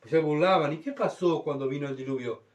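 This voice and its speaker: A man's voice: on the high side, a little fast. A man preaching a sermon, reading scripture and acting out voices with dramatic swings. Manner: dramatic, voicing God and mocking crowds in heightened tones. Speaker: pastor. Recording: voice from far off the mic.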